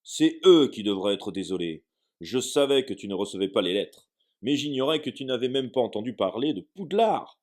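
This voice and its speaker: A man reading aloud, voicing a huge, hot-tempered male half-giant groundskeeper with booming outbursts. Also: normal speed, lightly acted.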